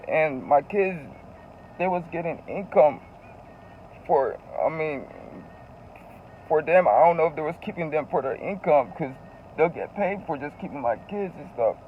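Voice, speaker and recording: A man's voice: a little high, lively intonation, unhurried, phone-quality sound, a little hiss or hum. A man telling a personal story in a casual, confessional vlog, earnest and emotional, often repeating phrases for emphasis. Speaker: vlogger.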